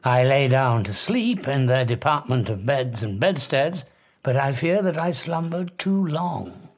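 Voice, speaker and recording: Griffin, husky slow-spoken British fugitive scientist. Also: male voice, mid-range voice. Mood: relishing, proud. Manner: theatrical, deliberate, formal. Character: proud, haunted fugitive scientist recounting his deeds. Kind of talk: audio drama storytelling.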